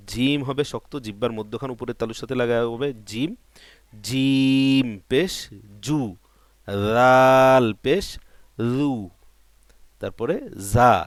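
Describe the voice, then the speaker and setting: A man's voice: medium pitch, no room sound. A man teaching Quran letter pronunciation, patiently drilling syllables one by one and answering his own questions. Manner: drills syllables one by one, repeating and drawing them out; asks questions and answers them himself. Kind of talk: patient step-by-step pronunciation lesson.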